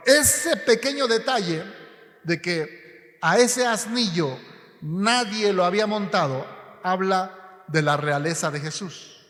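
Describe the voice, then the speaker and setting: A high-pitched male pastor gives a sermon, earnest and teaching, often restarting phrases and slowing down on key words. His voice rings with the long reverb of a church hall. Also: a bit bright.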